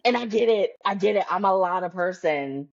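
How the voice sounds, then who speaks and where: A woman's voice: medium pitch, expressive, brisk, vocal fry, no room sound, muffled recording. A woman from the United States, a career coach and podcast guest, talking boldly and bluntly in casual conversation and laughing often.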